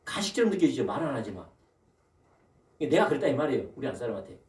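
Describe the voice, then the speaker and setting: A pastor with a mid-range voice preaches fast and animatedly in a church sanctuary, asking the congregation rhetorical questions and urging them to say amen. A distant microphone captures the reverberant hall.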